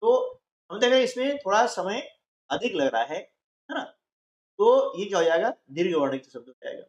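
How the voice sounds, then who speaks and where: A teacher slowly walks through a workbook lesson step by step, asking questions and answering them herself while often checking in with short tags like "है ना" and "ठीक है". Her mid-range voice swoops wildly in pitch, and the recording sounds roomy and muffled.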